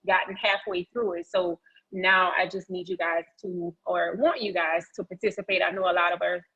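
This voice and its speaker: A woman's voice: fairly low pitch, level tone, moderate pace, bright, forceful tone, husky. A woman presenting a motivational training session over a video call, chatty and folksy, encouraging people to take part. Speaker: real estate agent leading a training session. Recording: dull, muffled video-call audio.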